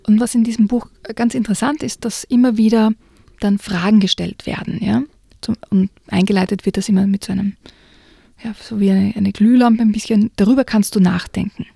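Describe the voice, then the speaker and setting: A woman reading a children's storybook aloud on a radio programme and talking about it, with a soft, partly whispery delivery. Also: mid-range voice, steady tone, brisk, vocal fry, husky, no room sound, studio quality. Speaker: book reviewer.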